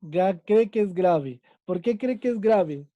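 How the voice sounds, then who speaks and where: Teaching Spanish in an online lesson, a man with a Mexican accent quizzes his students and keeps checking in with them. He speaks slowly in a high voice with lively intonation, and the audio has no echo but its highs are cut off.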